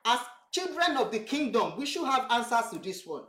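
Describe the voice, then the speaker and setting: A woman's voice: on the high side, big pitch swings, normal speed, a bit bright, echoey room, low-quality recording. A Nigerian woman with a Yoruba accent, co-hosting a church talk show, earnest and searching for her words. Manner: earnest, repeats words while searching for phrasing. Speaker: co-host, pastor's wife.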